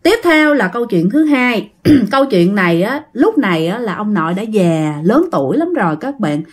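A woman's voice: medium pitch, big pitch swings, normal speed. A woman narrating ghost stories in a chatty way, often speaking straight to her listeners. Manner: chatty, addresses listeners directly. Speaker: storyteller.

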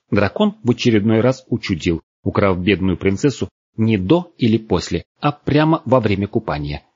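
Male audiobook narrator; husky, lively expressive reading, dull dry sound. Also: on the low side, no room sound. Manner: expressive storytelling. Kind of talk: scripted narration.

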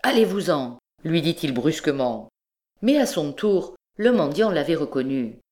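A woman reading a classic novel aloud as an audiobook, in steady, expressive storytelling narration. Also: sits low, a little slow. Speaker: audiobook reader.

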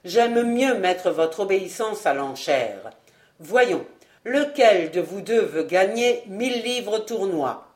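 A woman reads as a scheming nobleman, master of an old manor, who speaks slowly and weighs every word. The voice sits lower than the reader's own, and he presses his servants with cold, imperious commands. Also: lively intonation. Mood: cold, commanding.

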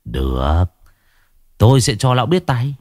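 A man's voice: medium pitch, big pitch swings, measured pace, dry recording, studio quality. A man voicing a cunning, sweet-talking young trickster. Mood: coaxing. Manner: coaxing, smooth-talking.

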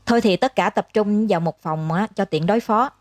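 A woman's voice: medium pitch, brisk, dry recording, natural voice. Bossy woman coworker voiced by the narrator, snapping, scolding, ghost story. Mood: calm. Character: bossy older-sister coworker, short-tempered.

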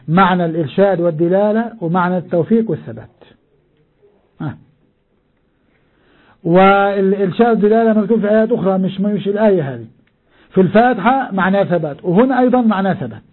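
Older man teaching, husky and high. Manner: explanatory, addresses students directly, repeats key words. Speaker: Quran interpreter and teacher. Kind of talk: classroom tafsir lesson. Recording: muffled phone-like lo-fi recording.

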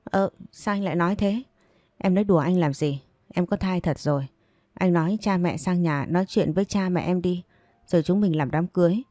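A woman's voice: lowish voice, fairly quick, dark tone, no echo, studio quality, close to an everyday voice. A woman voicing a defiant young pregnant village woman who argues back and pleads. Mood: pleading.

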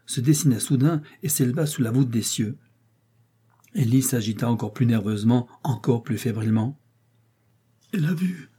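An audiobook narrator reads a novel slowly and dramatically, with careful, measured delivery. His medium-pitched voice is dark and mellow, with a husky, slightly veiled edge.

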